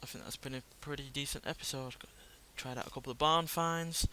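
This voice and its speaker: A man's voice: mid-range voice, fairly even intonation, brisk, smooth. A man hosting a video game playthrough with casual, understated, rambling commentary. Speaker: gaming video host. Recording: loud car engine noise behind voice.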